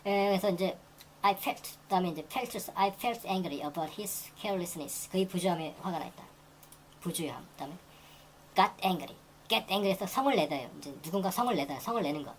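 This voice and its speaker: A woman teaching English grammar in a lecture, repeating phrases and reading example sentences very slowly. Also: lowish voice, expressive, a little hiss or hum, rough recording. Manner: repeats phrases and restarts while explaining.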